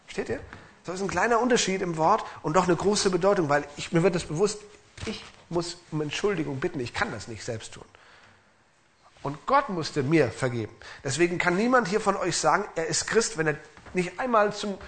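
A middle-aged male pastor delivers a sermon in an earnest, emphatic voice that sits a little high for a man. He keeps turning to his listeners with direct rhetorical questions. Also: animated, fairly quick, fairly bright tone.

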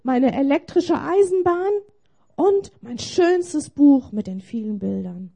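A woman voicing a shy eight-year-old boy in a story she tells during a sermon, pitched higher and often whispering. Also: expressive, slow pace, gravelly, dark tone, full character voice. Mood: eager.

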